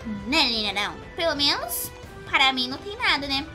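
Pinkie Pie, a woman squeaking as a bubbly pony. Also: big pitch swings, fairly quick. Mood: excitable. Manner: squealy, exclamatory, giggly. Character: bubbly, excitable young female cartoon pony. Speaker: gaming youtuber. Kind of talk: gameplay commentary in character. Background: game music playing clearly.

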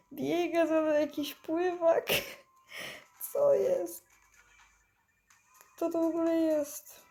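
A stoned woman, high on weed, giving dazed, giggly, foul-mouthed rambling commentary while gaming. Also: flat delivery, very slow, long pauses, warm tone, faint music behind. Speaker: mobile game player. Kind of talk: casual gameplay commentary.

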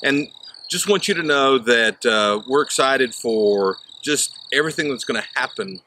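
A man's voice: medium pitch, animated, moderate pace, sharp tone, a little hiss or hum. A man in his fifties, a pastor from southern Illinois, giving a conversational sunrise sermon in an open field, with frequent "uh" fillers. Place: open field outdoors at dawn. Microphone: camera at chest framing, unseen mic. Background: faint birds and insects.

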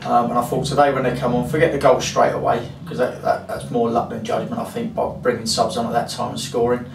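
Rambling football manager. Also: male voice, mid-range voice, completely flat delivery, fast, vocal fry. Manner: frank, rambling, many fillers. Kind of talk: post-match interview. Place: club interview room, indoors. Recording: roomy echo, distant mic, faint hiss.

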